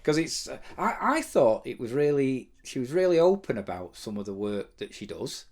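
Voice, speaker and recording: A man's voice: medium pitch, very animated, moderate pace, darkish tone. Guy hosting a chatty podcast, keen and rambly, keeps restarting sentences. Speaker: podcast host. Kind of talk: casual podcast chat.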